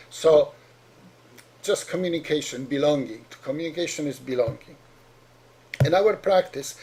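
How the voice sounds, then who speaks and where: A middle-aged Polish doctor with a heavy Polish accent earnestly explains things to parents, frequently repeating and restarting words. His medium-pitched voice is dark in tone and slightly rough.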